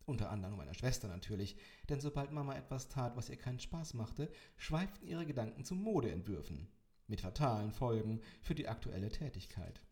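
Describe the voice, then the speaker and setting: A man's voice: medium pitch, animated, fairly quick, mellow. A man in his twenties narrating an audiobook in the first person, with dry, wry delivery. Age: 20s.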